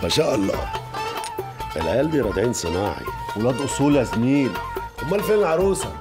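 An actor as a boisterous Egyptian wedding caller, fast. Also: male voice, medium pitch, big pitch swings, natural voice. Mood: teasing. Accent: Egyptian Arabic. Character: boisterous wedding master of festivities, teasing. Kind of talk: film acting. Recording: loud street crowd and music.

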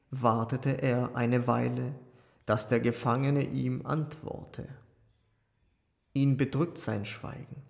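A man narrating a classic novel in a solemn, measured audiobook reading. His delivery is very slow and his voice is gravelly. A long, hall-like reverb hangs on the recording. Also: mid-range voice, a little mellow. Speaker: audiobook reader.

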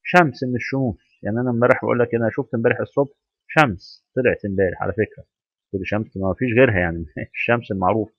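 A man with an Egyptian Arabic accent teaching English grammar, quizzing the listener with rhetorical questions and spelling out examples slowly. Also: mid-range voice, husky, no echo, dull audio. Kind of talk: grammar lesson.

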